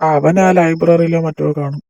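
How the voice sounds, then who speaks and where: A man's voice: a little high, level tone, normal speed, gravelly, mellow, no echo, highs cut off. A young man voicing a teasing male college senior who banters and mock-scolds his friends in an amateur dubbed romance drama. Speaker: fan dub voice actor.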